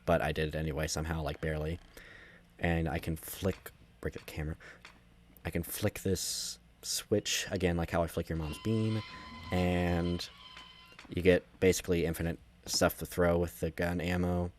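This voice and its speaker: Low-voiced man giving casual game commentary. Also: flat delivery, moderate pace, a little mellow, a little hiss or hum. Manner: rambling, self-correcting, conversational. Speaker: gameplay commentator.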